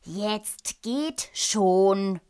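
A woman voicing a grumpy, bored, spoiled king in a storybook read-aloud, grumbling and commanding in drawn-out words. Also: mid-range voice, darkish tone, clean tone.

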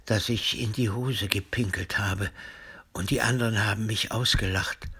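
A man's voice: on the low side, steady tone, moderate pace, bright, forceful tone, husky, heavily acted. A man voicing a small, cheeky and imaginative boy in a storybook reading, with a lighter, childish manner.

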